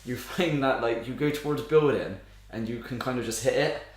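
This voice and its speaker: A man's voice: mid-range voice, normal speed. A man co-hosting a casual gaming chat, informal and sweary, recorded in a very echoey room. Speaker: podcast co-host. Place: indoor room with strong echo. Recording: very echoey room, big echo.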